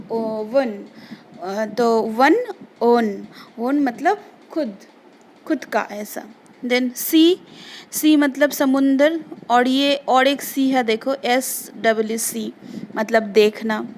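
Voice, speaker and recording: A woman teacher walks children through English vocabulary, spelling each word letter by letter. Her voice sits high and her delivery is very slow and deliberate. A faint hiss of background noise runs under the recording. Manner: slow, spells words letter by letter and explains meanings. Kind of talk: remote English lesson for children.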